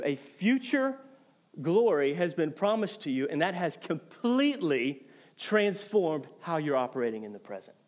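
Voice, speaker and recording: A man with a notably high voice delivers a sermon to his congregation. He preaches with animated energy, often pausing to check in with his listeners and repeating words as he builds toward a point. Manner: animated preaching with frequent "right?" check-ins. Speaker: pastor.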